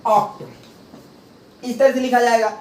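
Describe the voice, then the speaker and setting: High-voiced male teacher drilling terms. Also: level tone, unhurried, a little hiss or hum. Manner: rhetorical call-and-response questions; repeats key terms for drilling. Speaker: chemistry teacher. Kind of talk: classroom lecture. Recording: echoey room, voice from a distance.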